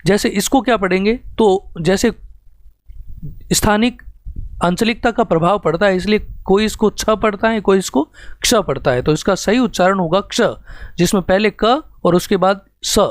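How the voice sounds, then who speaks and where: A man with a fairly high voice teaches an exam-prep grammar lesson. He explains step by step and reads out examples one at a time. The recording is dry and close, with no room echo. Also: moderate pace.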